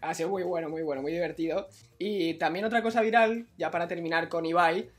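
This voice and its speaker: Man brightly presenting videos. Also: a little high, fairly even intonation. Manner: brisk presenting, chatty. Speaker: host.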